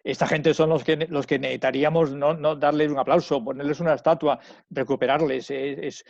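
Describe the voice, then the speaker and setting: A man's voice: on the high side, fairly even intonation, a little fast, gravelly, darkish tone, no room sound, lo-fi sound. A man speaking as the lecturer, answering audience questions after a talk with friendly but hesitant replies, heard through online call audio.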